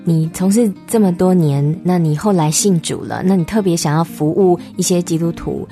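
A woman hosting a radio interview show, speaking in a gentle, measured way. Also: fairly low pitch, soft background music. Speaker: radio host. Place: radio studio.

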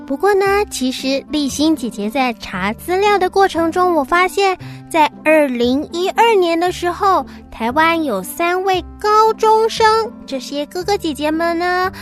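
A woman presents a children's radio programme, speaking in an animated way as if reading to a toddler. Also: very high-pitched, unhurried, hardly any pauses, soft background music.

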